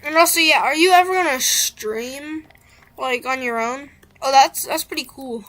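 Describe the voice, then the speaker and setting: A woman's voice: high voice, normal speed, fairly bright tone. A woman live-streaming a game in casual, playful chatter, making silly sound noises as she plays, on a built-in device mic. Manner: playful, makes silly "bop bop" noises while playing. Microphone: built-in device mic, no headset mic.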